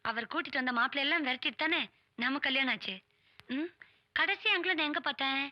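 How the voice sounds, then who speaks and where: A woman's voice: high-pitched, fast talker, dull audio, natural voice. A woman playing a young wife in a film who pleads for help for her husband, then speaks with sweet slyness. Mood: sweetly sly. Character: young wife pleading, later sly schemer. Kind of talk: Tamil film dialogue.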